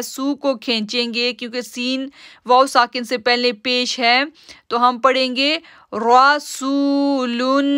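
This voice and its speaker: Woman tajweed teacher on a live stream, high crisp voice, patient explainer, dry close sound. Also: pushed and bright, no room sound. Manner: patient, step-by-step explaining, drawn-out slow recitation of words. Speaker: Quran recitation teacher.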